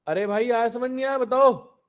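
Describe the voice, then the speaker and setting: A man's voice: very high voice, steady tone, normal speed, smooth. A young man teaching a live online coding class, explaining step by step and keeping on asking his students if they understood.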